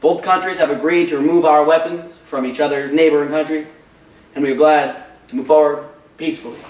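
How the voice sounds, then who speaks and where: A man's voice: fairly high pitch, steady tone, brisk, lightly acted. A young man playing an American president giving a formal address to the nation. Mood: solemn. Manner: speech-like address. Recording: echoey room, mic far off.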